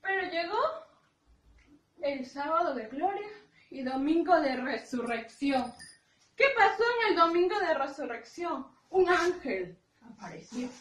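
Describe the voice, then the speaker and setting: High-voiced woman teacher telling a story. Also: far from the mic. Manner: slow, expressive, repeats points simply. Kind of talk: storytelling for young children. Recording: roomy echo, voice from afar.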